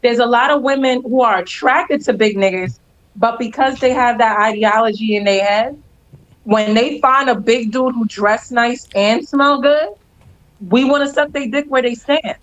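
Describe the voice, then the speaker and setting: A woman's voice: fairly high pitch, normal speed, poor audio. A woman co-hosting a casual chat, talking bluntly and frankly with emphatic opinions.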